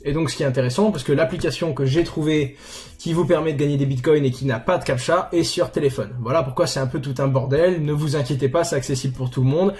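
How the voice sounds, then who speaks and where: A young man walks viewers through a setup in a loose, chatty tutorial. He drops crude slang and pokes fun at himself. His voice sits a little high, with faint music underneath. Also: fast talker, a little mellow. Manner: chatty, crude slang, self-mocking asides. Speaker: YouTuber tutorial host. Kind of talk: casual screen-recorded tutorial.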